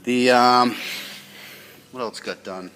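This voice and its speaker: A tired man talking casually and haltingly to vlog viewers in a low-key way. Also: fairly even intonation, fairly bright tone, slight background noise. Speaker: car vlog host.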